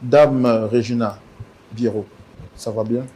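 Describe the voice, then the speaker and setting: A man hosting a studio talk show, speaking formally with measured pauses. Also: mid-range voice, fairly even intonation, mellow, a little hiss or hum. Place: TV studio set.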